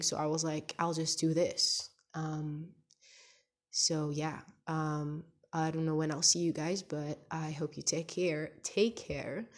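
Low-voiced young woman rambling into her phone. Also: darkish tone. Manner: rambling and hesitant, full of restarts and "like". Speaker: podcaster. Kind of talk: personal audio diary. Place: at home.

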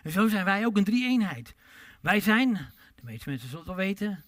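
High-voiced impassioned preacher. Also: male voice, big pitch swings. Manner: impassioned, swings from loud emphatic calls to quiet low asides; drawn-out pleading delivery when quoting scripture. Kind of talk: sermon.

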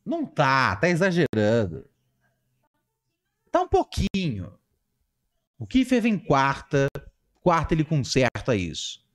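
A Brazilian man hosting a casual livestream podcast, answering his live chat with a playful, lively delivery. His pitch swings widely, and it jumps up whenever he reads out a viewer's name. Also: takes it slowly, pauses often. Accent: Brazilian Portuguese. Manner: animated, playful, jumps in pitch when reading names.

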